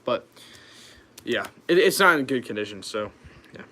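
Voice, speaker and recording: A man's voice: medium pitch, expressive, moderate pace, bright, forceful tone, a little hiss or hum. A young American man hosting a casual livestream Q&A, informal and hesitant, reading questions out and answering them off the cuff. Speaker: YouTube channel host.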